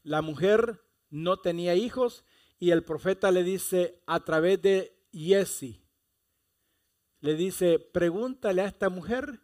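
High-voiced man preaching with passion. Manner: impassioned preaching, swelling to loud exhortation. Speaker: pastor. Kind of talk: sermon.

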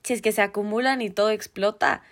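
A woman's voice: medium pitch, fairly even intonation, fast. A young woman co-hosting a podcast, speaking to her listeners directly and giving them advice in a casual way. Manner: gives advice straight to listeners. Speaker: podcast co-host. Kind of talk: casual chat.

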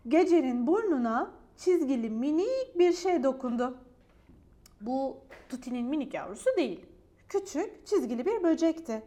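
A woman reading a children's story aloud in a gentle, expressive way. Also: high voice, normal speed.

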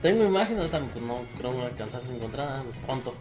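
A man's voice: mid-range voice, big pitch swings, fast, music in the background. A man with a Mexican accent, telling a story in a casual podcast chat with many fillers and restarts. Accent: Mexican Spanish. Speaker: podcast guest.

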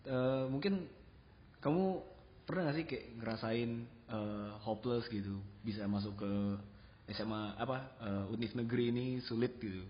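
A man's voice: mid-range voice, normal speed, a little hiss or hum. Casual male interviewer, echoey muffled sound. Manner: relaxed, prompting questions with fillers. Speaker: podcast host interviewer. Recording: dull sound with long reverb.

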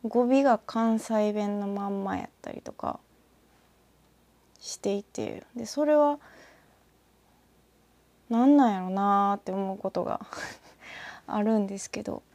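A woman from northern Osaka with a Kansai accent, talking alone in a rambling, reflective way and often trailing off into soft asides. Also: medium pitch, a little slow, long pauses, no room sound. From northern Osaka, Japan. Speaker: podcaster. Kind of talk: casual solo talk with a short reading.

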